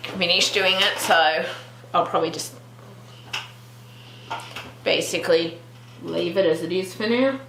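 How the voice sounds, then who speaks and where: Low-voiced woman chatting through a colouring tutorial. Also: a little slow, gravelly, a bit bright, slight background noise. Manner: chatty, thinks aloud, trailing restarts. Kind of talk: relaxed real-time art tutorial chat. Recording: roomy echo with faint background music.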